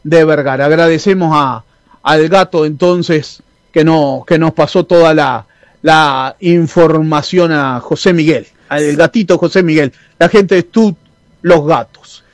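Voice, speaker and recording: A radio host with a Uruguayan Spanish accent chats casually and reads listener messages, using many fillers and restarts. His voice is on the high side and a little slow, with no room sound.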